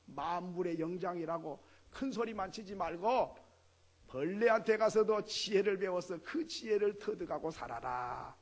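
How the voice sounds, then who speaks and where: A male pastor preaching a sermon with a high voice that has a gravelly, creaky edge. His tone is husky rather than clean. He talks to the congregation conversationally and keeps asking them rhetorical questions.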